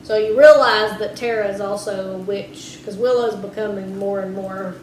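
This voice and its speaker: A woman's voice: mid-range voice, steady tone, normal speed, a little mellow. Chatty woman co-host in an echoey room. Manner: chatty, lots of "like" and trailing off. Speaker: podcast co-host. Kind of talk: casual chat. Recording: roomy echo, faint background hiss.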